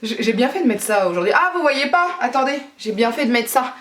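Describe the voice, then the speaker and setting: A woman from France, a beauty vlogger at home, chatting casually to her viewers, flustered and excitable, swearing and talking through each step. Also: a little high, fairly quick, distant mic, a little hiss or hum. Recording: echoey room, speaking away from the mic.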